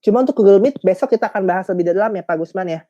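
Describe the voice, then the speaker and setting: Warm-voiced man leading an online training. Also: high voice, very fast, dry recording, muffled recording. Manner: chatty, joking, addresses the audience often. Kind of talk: online teacher training webinar.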